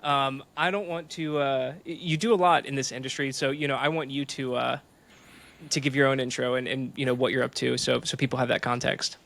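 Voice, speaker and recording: A man's voice: mid-range voice, little pitch movement, a little fast, gravelly, a bit bright. A man hosting a podcast, chatting casually and joking between many fillers and restarts. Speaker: podcast host. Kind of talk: casual chat.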